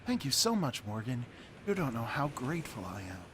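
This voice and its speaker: Sweet-voiced flirty heroine read by a man, game playthrough, pitched up and overdone. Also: sing-song, brisk, background noise, natural voice. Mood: relieved. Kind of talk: let's play voice reading.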